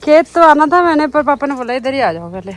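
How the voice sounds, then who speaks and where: A woman's voice: high-pitched, big pitch swings, fast. A young woman, vlogging outdoors in her mountain village and chatting straight to the camera. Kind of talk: casual vlog narration.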